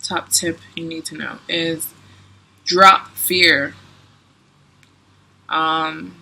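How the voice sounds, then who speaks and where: A woman's voice: deep voice, little pitch movement, drawn-out words, creaky, pushed and bright. A woman in her twenties answering viewer questions in a chatty, giggly travel vlog, with lots of "like" and "um". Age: 20s. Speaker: travel vlogger. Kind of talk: casual Q&A vlog.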